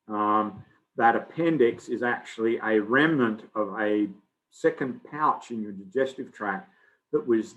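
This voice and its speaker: A middle-aged man from Australia, giving a relaxed, conversational biology lecture full of fillers. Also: on the low side, highs cut off. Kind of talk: recorded lecture.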